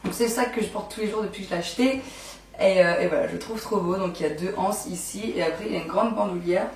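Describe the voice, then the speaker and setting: A young woman in her twenties with a hoarse voice from laryngitis, chatting casually on her vlog and rambling with lots of fillers. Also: mid-range voice, quick pace, darkish tone, distant mic, a little hiss or hum. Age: 20s. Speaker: beauty and lifestyle vlogger. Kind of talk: casual chat. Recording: echoey room, mic set back.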